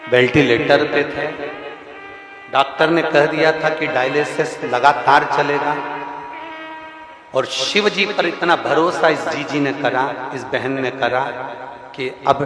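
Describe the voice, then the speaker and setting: A man telling a devotional story as a preacher, playful and animated, acting out dialogue with laughs. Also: mid-range voice. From India. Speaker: religious storyteller. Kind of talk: devotional sermon with anecdotes. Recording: echoey hall with music.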